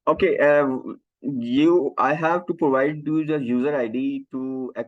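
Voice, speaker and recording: A man giving informal software training, speaking in a halting, hesitant way with phrasing. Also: a little high, fairly even intonation. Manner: halting, hesitant non-native English phrasing. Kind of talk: informal online training session. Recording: dull, lo-fi online call audio.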